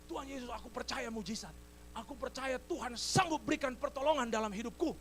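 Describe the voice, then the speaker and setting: A male preacher voicing a desperate man who clings to a branch on a cliff and pleads loudly for help, his voice climbing high. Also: a little fast, slight background noise. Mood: desperate pleading. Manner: pleading, crying out to God.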